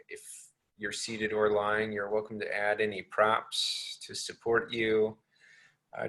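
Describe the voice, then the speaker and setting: A man leading a guided meditation in a gentle, unhurried way, with frequent ums. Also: on the low side.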